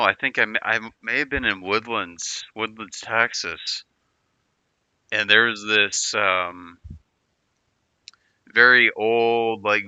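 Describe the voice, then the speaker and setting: A man's voice: on the low side, sharp tone, smooth, no echo. A man chatting casually on a livestream, rambling and often repeating and restarting his words. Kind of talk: casual stream chat.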